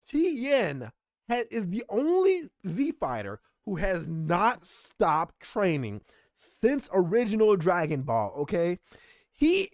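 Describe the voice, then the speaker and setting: A man's voice: high-pitched, no echo, clean studio sound. A man hosting a reaction video, chatting casually and arguing his points with a laugh.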